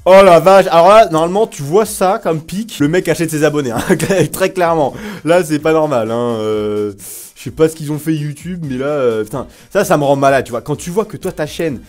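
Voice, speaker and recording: A young man giving casual reaction commentary as a YouTuber, excitable and exclamatory, full of slang. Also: fairly high pitch, a little fast, faint music behind.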